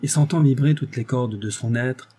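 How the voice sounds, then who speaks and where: A man narrating a classic novel as an audiobook, in a measured, expressive reading. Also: medium pitch.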